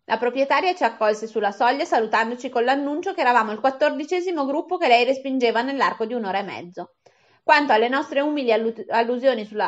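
A woman's voice: on the high side, muffled recording. A woman reading a novel aloud as an audiobook narrator, giving the dialogue small voice shifts and now and then stumbling and restarting a word. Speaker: audiobook reader.

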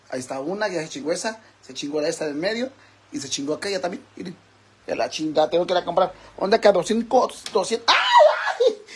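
Campy man, mexican accent, high husky voice, theatrical home vlogger cooing at pets. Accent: Mexican Spanish. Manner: campy, theatrical, talks to pets and viewers as "hermanas", swears freely. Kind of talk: casual home vlog chat. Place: home with pets and fish tanks.

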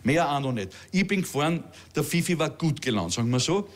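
Chatty Viennese stand-up comedian. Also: male voice, a little high, animated, brisk. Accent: Viennese Austrian German. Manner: chatty, self-mocking, laughing asides.

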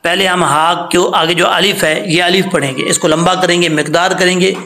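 A man teaching recitation rules patiently, step by step, and chanting slow examples. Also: high-pitched, fairly even intonation, sharp tone, slight background noise. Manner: patient, explains step by step, then chants slowly. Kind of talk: tajweed lesson with recited examples.

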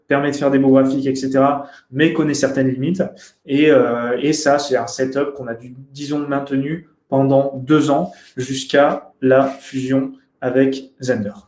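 Young male webinar presenter, mid-pitched, halting delivery full of fillers, roomy webcam sound. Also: darkish tone. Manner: hesitant, many fillers and restarts. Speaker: conference speaker. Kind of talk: webinar presentation over slides. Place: indoor room. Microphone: webcam video call.

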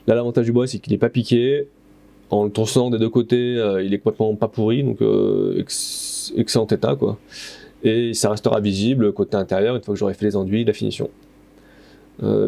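A creaky, mellow, fairly low voice belongs to a thirtysomething plasterer describing his stone-wall renovation in a loose, casual way, stumbling through fillers and correcting himself. A head-mounted action camera captures him in a stone room.

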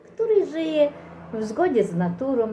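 A woman's voice: high voice, very animated, unhurried, dark tone, slight background noise. A middle-aged or older woman with a Ukrainian accent and slurred, toothless articulation, chatting casually and folksily to viewers in a rambling eating vlog. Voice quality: slurred articulation from missing teeth.

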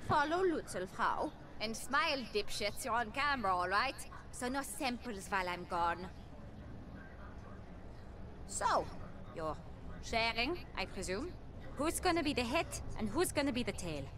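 A woman's voice: fairly high pitch, animated, unhurried, background noise. A woman playing a brash, crude witch street vendor in a video game, wheedling and foul-mouthed. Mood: bossy.

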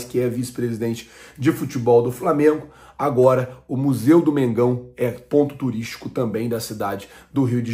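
A man in his thirties hosting a football fan vlog, talking casually and loosely, repeating himself and filling pauses as he goes, filmed close to a webcam in a small room at home. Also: mid-range voice, darkish tone. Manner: rambling, repeats himself, many fillers. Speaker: football channel host.

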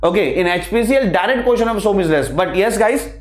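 A man's voice: sits high, expressive, fast talker, a little hiss or hum. A middle-aged man with a North Indian accent teaching exam preparation to camera, often addressing his students informally and repeating points for emphasis. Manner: repeatedly addresses listeners as guys, emphatic repetition. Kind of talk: classroom lecture to camera. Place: indoor teaching studio at a large screen. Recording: roomy, echoing studio classroom.

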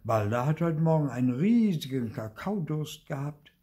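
A man's voice: a little high, sing-song, moderate pace, dark tone, voice pushed up. An older man voicing a firm mother who scolds her son in a storybook reading.

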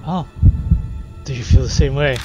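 A man playing through a game, reading its text aloud and reacting excitedly, swearing often. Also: medium pitch, normal speed, dull audio, over loud music. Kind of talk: playthrough narration with reactions.

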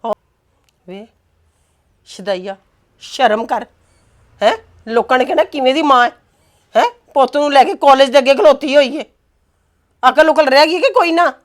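A woman's voice: sits high, normal speed, pauses often, close to an everyday voice. Woman playing a sarcastic scolding mother. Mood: exasperated. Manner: sarcastic, scolding, theatrical exclamations. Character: sharp-tongued middle-aged Punjabi mother scolding her grown son. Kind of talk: web drama acting.

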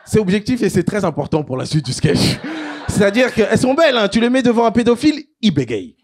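A man in his thirties doing stand-up in a comedy club, animated, swinging between loud bursts and low asides. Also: fast, husky. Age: 30s. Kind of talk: stand-up storytelling.

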